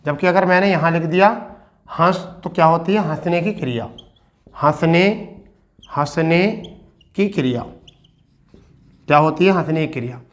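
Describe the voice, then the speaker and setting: A male teacher leads an online exam-prep lesson on spelling. His voice sits a little high, and he repeats every point. He poses questions to his students and answers them himself. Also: moderate pace, long pauses. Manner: repetitive, asks and answers own questions; addresses students as beta.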